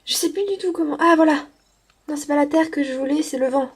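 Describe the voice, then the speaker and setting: A woman's voice: sits high, a little fast. A woman hosting a let's play, chatting casually and poking fun at herself as she plays. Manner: chatty, self-mocking. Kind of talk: casual gameplay commentary.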